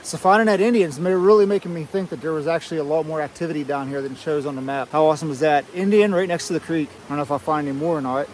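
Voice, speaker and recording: A man's voice: a little high, a little mellow, slight background noise. A man vlogging outdoors in a winter forest while metal detecting, enthusiastic and marveling at what turns up. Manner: enthusiastic, marveling, quick reactions. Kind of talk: outdoor vlog narration to camera.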